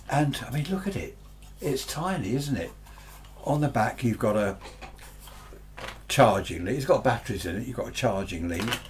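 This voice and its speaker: An older British man in his 60s or beyond reviews radio gear in a small, cluttered indoor workshop, rambling through an unscripted demonstration and chatting with frequent tag questions. His voice is mid-range, with a slight hiss or hum on the recording.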